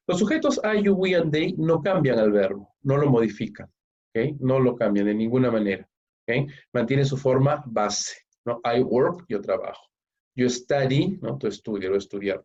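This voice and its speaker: A man's voice: mid-range voice, darkish tone. A man whose first language is Spanish, teaching an online English grammar lesson, explaining patiently and often checking in with "ok?". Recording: dull lo-fi audio.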